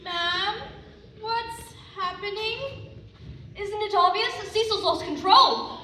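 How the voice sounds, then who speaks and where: A woman's voice: extremely high pitch, slow, pushed and bright, a little hiss or hum, exaggerated voice. A woman playing a pompous stage inspector. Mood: grave. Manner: stiff, formal, theatrical delivery. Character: pompous male detective inspector, formal and unflappable. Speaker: student actor. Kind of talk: stage play acting. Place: large hall stage with audience. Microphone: far room mic. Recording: echoey hall from far off.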